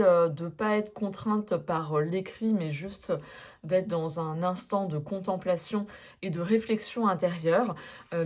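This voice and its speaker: A woman's voice: fairly low pitch, darkish tone. A woman chatting casually to camera about tarot decks, enthusiastic and full of hesitant fillers. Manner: enthusiastic, gushing. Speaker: tarot vlogger.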